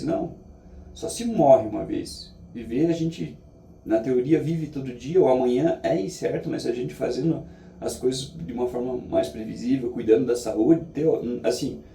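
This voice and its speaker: A Brazilian man reflects out loud in a casual vlog style, earnest and halting. His voice is very dark and creaky. It is picked up from a distance with clear room echo. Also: medium pitch. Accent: Brazilian Portuguese. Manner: earnest, halting, with frequent tag questions. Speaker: vlogger sharing daily reflections. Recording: echoey, distant mic, faint background noise.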